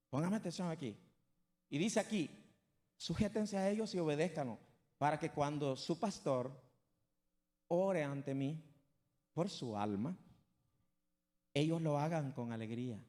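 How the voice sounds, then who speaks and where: A male pastor delivers a sermon in a conversational manner, often turning to address his congregation directly. His voice sits a little high for a man. Long reverb from the church hall trails behind each phrase. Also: darkish tone. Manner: conversational preaching with asides to the congregation.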